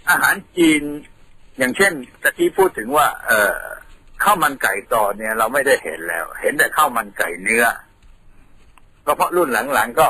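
A man's voice: mid-range voice, big pitch swings, moderate pace, pushed and bright, a little hiss or hum, rough recording. A man from Thailand, a radio guest patiently explaining things in a studio, telling them like a story.

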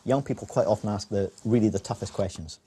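A man answering interview questions in an earnest, measured way. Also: fairly low pitch, mellow, breathy edge. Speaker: politician guest.

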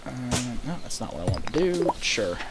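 A man's voice: medium pitch, big pitch swings, normal speed, very noisy. A young man giving casual, rambling gameplay commentary, thinking aloud and swearing casually. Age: young adult. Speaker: let's play host. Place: small room at home, indoors. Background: video game music.

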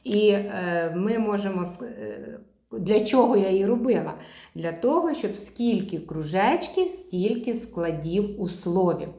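A woman speech therapist giving a chatty demonstration lesson, showing toys as she explains and modeling syllables with slow, stretched repetition. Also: medium pitch, lively intonation, mellow. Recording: echoey room.

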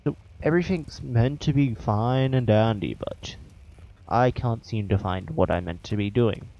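A man's voice: medium pitch, measured pace, vocal fry, mellow, lo-fi sound. A man with an accent commentating his own horror game play, swearing and joking as he talks to the game. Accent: non-standard, says he has an accent. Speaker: gameplay commentator.

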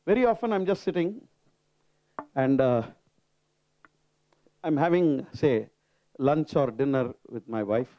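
A man's voice: medium pitch, animated, a little slow, pauses often, no echo, lo-fi sound. A man in his sixties with a South Indian accent, lecturing interactively with personal anecdotes and often checking that listeners agree, on a handheld microphone. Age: 60s. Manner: rhetorical questions and frequent checks for agreement; switches between English and Tamil. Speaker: retired professor giving a lecture. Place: indoor seminar room. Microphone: handheld microphone held near the mouth.

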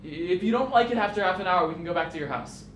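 A man's voice: sits high, lively intonation, very fast, fairly bright tone. A young man playing a teenage basketball player who wants to fit in, talking in a stammering, apologetic way. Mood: pleading. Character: teen basketball player, torn, eager to fit in. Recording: roomy echo, faint noise.

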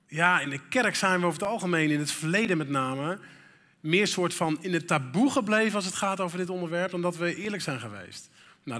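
A man's voice: high voice, pushed and bright. A middle-aged man preaching a sermon in a church, candid and conversational, with frequent fillers. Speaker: pastor. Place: church hall. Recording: reverberant church hall.

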